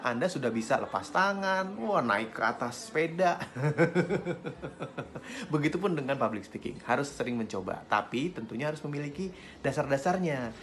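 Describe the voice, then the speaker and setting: A man teaching public speaking in a friendly, lively way, swinging his pitch up and down to show intonation. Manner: friendly, chuckles between points. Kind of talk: instructional talk to camera.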